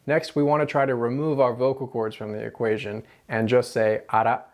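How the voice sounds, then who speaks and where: A man's voice: medium pitch, flat delivery, fairly quick. American man teaching rolled R pronunciation. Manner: demonstrates rolled and tapped R sounds, repeating example syllables and words. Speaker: language teacher. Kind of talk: instructional pronunciation tutorial, explaining casually.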